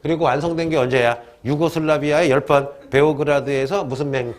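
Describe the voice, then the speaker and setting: A man's voice: on the high side, steady tone, a little fast. A man teaching a history class in a classroom, joking with students and asking questions he answers himself. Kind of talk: classroom lecture.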